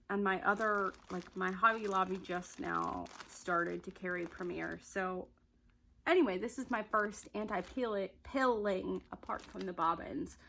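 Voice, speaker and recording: A woman's voice: mid-range voice, a bit bright, slight background noise, poor audio. A chatty woman with a Southern accent, rambling cheerfully through a casual yarn vlog and laughing often. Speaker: yarn vlogger. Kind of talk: casual chat.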